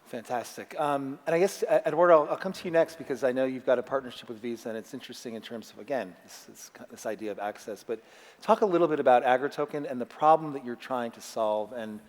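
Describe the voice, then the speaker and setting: A man's voice: mid-range voice, fast. A man with a mid-range voice moderates a panel. He frames his questions loosely, doubling back on phrases in a conversational way. The hall adds a long echo. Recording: echoey conference hall.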